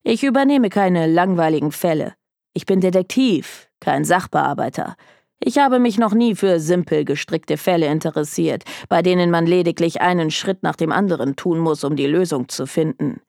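A woman's voice: on the low side, lively intonation, normal speed, vocal fry, darkish tone, dry recording, studio quality. Woman doing a smug, scornful male detective. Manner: scornful, drawling, dismissive. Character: arrogant bored young male detective.

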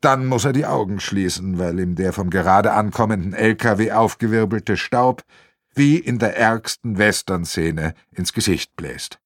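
A man's voice: lowish voice, normal speed, no room sound. A man narrating a crime novel in a wry storytelling manner on a close mic. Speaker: audiobook narrator.

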